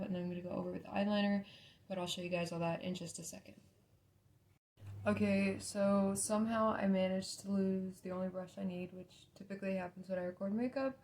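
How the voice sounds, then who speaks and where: A young woman with a lowish, gravelly fry walks through a makeup tutorial in a casual, unpolished way. Her intonation stays fairly flat, and she speaks with a mouth still healing after wisdom teeth removal. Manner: informal, apologetic, thinking aloud. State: mouth recovering from wisdom teeth removal a few days earlier.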